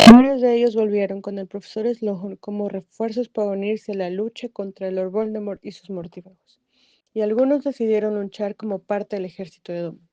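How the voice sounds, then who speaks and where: A woman's voice: medium pitch, warm tone, no echo. A woman hosting a video, reading an informative script and carefully sounding out foreign names, sometimes unsure of the pronunciation. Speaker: YouTube channel host. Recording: slightly dull, dry recording.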